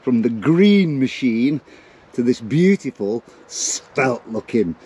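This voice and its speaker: A man's voice: medium pitch, very animated, takes it slowly, mellow, husky. A man in his forties with a broad Derbyshire accent from the East Midlands, chatting casually to camera in a jokey, slangy way. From Derbyshire, England. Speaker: vlogger presenting a bike restoration. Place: mostly outdoors in a garden, some in a wooden shed workshop.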